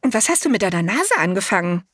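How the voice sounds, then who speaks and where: A woman voicing a crowd of scolding animal relatives in a storybook, loud and exclaiming. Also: mid-range voice, sing-song, fast, no room sound, clean studio sound.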